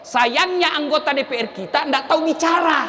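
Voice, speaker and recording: A man preaching a humorous sermon, animated and shouting questions to the crowd. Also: very high voice, normal speed, very noisy. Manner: animated, shouting call-and-response questions, mimicking voices. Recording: long hall reverb, faint ambience.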